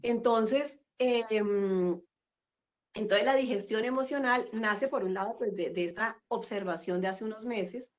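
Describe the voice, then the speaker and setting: Speaking a little slowly in a voice on the high side, a middle-aged woman reflects as a guest during a video-call interview. The conversation is casual, and she comes across warm, laughing and filling pauses often.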